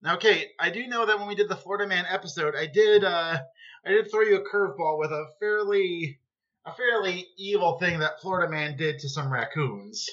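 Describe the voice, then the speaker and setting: Man co-host, playful banter, bright edge; slightly muffled mic. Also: sits high, fairly quick. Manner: jokey, playful, teasing. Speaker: podcast co-host. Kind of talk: casual chat. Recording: dull lo-fi sound.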